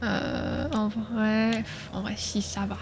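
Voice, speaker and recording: A woman's voice: medium pitch, wildly swooping pitch, slow, vocal fry, noisy background. A woman streaming a video game, chatting casually and playfully with her viewers and laughing often. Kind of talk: casual live gameplay commentary.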